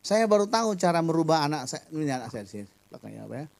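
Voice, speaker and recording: Middle-aged male pastor, animated and humorous in the pulpit, voice pitched somewhat high. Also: rapid-fire, gravelly. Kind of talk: sermon.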